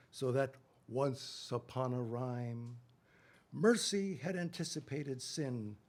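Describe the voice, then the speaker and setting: An older man giving a solemn, deliberate reading at a memorial event, with measured phrasing. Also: medium pitch, a little mellow. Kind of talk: solemn reading of a poem aloud.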